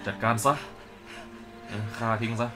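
A man doing let's play commentary, dubbing the characters live while swearing and joking excitably. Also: measured pace, music in the background. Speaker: game commentator. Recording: game sounds behind.

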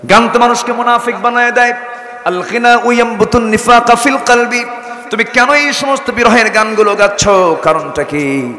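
A man's voice: mid-range voice, fairly even intonation, normal speed, fairly bright tone, close to an everyday voice. A man doing a stern, pious caliph. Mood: reproachful. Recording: echoey hall with long reverb.

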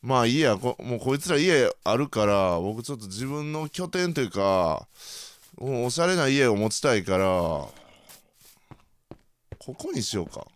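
A young man with a Kansai accent commentating his own game play, bursting into loud reactions and then muttering quietly. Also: moderate pace, no room sound. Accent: Kansai Japanese. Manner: excitable, reacts loudly to surprises, then mutters low. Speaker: gaming channel host.

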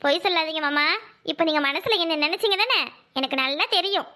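A woman's voice: very high-pitched, animated, brisk, bright, forceful tone, full character voice. A woman voicing a devoted young wife in a cartoon, pleading and affectionate. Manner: pleading, sing-song and affectionate. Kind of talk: cartoon voice acting.

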